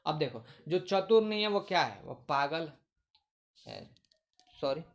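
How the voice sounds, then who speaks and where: A man's voice: fairly high pitch, big pitch swings, measured pace, creaky. A man teaching English vocabulary in Hindi, asking questions and answering them himself, repeating words often. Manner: repetitive, asks questions then answers them. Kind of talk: casual Hindi vocabulary lesson.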